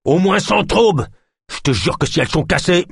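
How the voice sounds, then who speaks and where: A man voicing a greedy, scarred, potbellied middle-aged man who yells and haggles gruffly. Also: high-pitched, expressive, normal speed, no room sound, clean studio sound, voice pushed up, full character voice.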